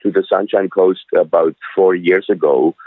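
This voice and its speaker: A man in his sixties from Switzerland, a cafe owner telling his story in a halting way with many fillers and restarts, over a phone line. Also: low voice, fairly even intonation, no room sound. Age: 60s. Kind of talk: casual interview storytelling. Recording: dry, tinny phone-line sound.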